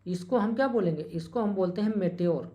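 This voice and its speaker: The lecturer's mid-range, warm voice guides students through exam preparation. They repeat the key terms, ask questions they don't expect answered, and apologize quickly when fixing little slips.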